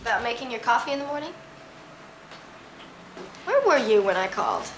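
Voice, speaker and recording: A woman's voice: a little high, very animated, normal speed, a little hiss or hum, rough recording. An actress playing an anxious but independent young woman in a 1970s TV drama. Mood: wry, firm.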